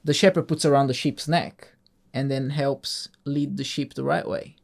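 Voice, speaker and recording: A man with a medium-pitched, gravelly voice talks at normal speed in a steady tone. As host and parent, he casually explains a Bible passage to a young child in simple terms, often asking check-in questions.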